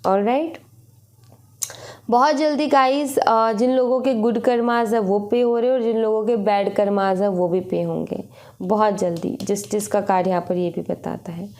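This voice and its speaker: A woman's voice: mid-range voice, fairly even intonation, moderate pace, darkish tone. A young woman reading tarot cards for her viewers in casual, instructive talk, often repeating her points and mixing English words into her Hindi. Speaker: tarot reader.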